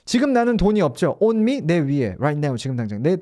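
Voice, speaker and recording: A man's voice: on the high side, very animated, normal speed, mellow. A man teaching English in Korean in a casual online lesson, explaining step by step with rhetorical questions.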